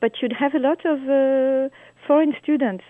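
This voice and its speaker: A woman's voice: high voice, fairly even intonation, normal speed, no echo. Give me a woman giving advice through a clipped, tinny phone line. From south of France. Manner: chatty, gives advice with many fillers. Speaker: tour guide.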